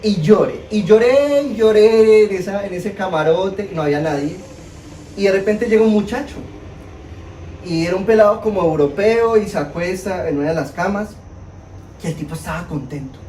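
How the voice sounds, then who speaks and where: A young man with a Colombian Spanish accent preaching a sermon, telling a personal story in an animated, self-mocking way to a congregation. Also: sits high, fairly quick, a little hiss or hum. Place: church hall. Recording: echoey hall, mic at a distance.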